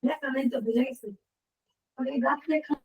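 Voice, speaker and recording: High-voiced woman asking about medicine. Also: fairly even intonation, rough recording. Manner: colloquial regional Bengali, hurried questions. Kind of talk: casual question.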